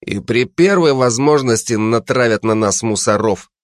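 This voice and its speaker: A man's voice: mid-range voice, moderate pace, no room sound, clean studio sound, lightly acted. A man voicing a burly, skeptical gangster who argues back sarcastically.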